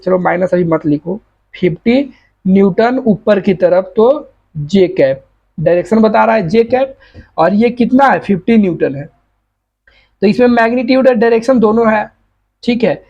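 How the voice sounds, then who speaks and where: A man's voice: high-pitched, creaky, a little mellow, dull audio. A man teaching a physics lecture for exam prep, explaining step by step with everyday examples and often checking that students follow. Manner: uses plain everyday examples.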